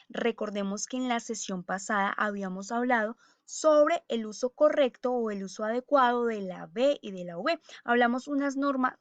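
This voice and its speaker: A woman's voice: on the high side, no echo. A woman teaching a language lesson to children, patiently sounding out syllables and often checking that they follow. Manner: patient, repeats syllables slowly, checks in with "¿cierto?" and "¿listo?".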